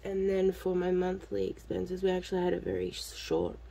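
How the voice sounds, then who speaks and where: This woman vlogger, host of a budgeting channel, has a lingering cough and congestion after being sick, her throat a bit off as she rambles casually to viewers with many ums. Her voice is on the low side, dark, creaky and husky, very animated at a normal speed.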